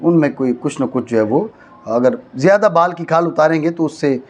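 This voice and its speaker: High-voiced man teaching a class. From Pakistan. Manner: checks understanding, repeats phrases slowly for stress. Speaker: teacher of Arabic grammar. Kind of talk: classroom lecture. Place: madrasa classroom.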